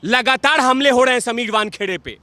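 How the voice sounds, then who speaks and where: A man's voice: very high-pitched, fairly quick, sharp tone, no room sound. A man giving heated political commentary, combative and mocking, repeating phrases for emphasis.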